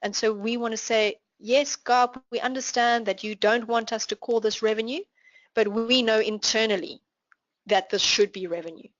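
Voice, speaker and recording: A woman with a South African accent, teaching a finance class online and walking through examples in a clear, explanatory way. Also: on the high side, steady tone, moderate pace, no room sound, highs cut off. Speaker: finance instructor. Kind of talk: live online class lecture.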